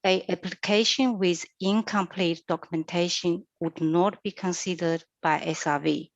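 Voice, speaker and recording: A woman serving as a council CEO, reading officers' advice aloud in a measured, formal way at a council meeting. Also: on the low side, fairly even intonation, no echo, dull audio.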